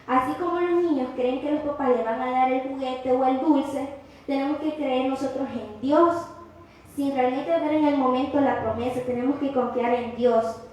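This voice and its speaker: A woman preaching a sermon in church, earnest and impassioned, with loud rising cries at times. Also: high-pitched, steady tone, normal speed. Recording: very echoey church hall, faint noise.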